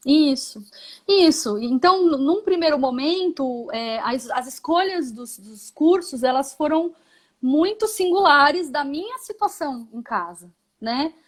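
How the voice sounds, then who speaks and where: A woman's voice: high-pitched, lively intonation, unhurried. A Brazilian woman, a physiotherapist and mother, explaining her path in a live interview, reflective, with many tag questions. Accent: Brazilian Portuguese.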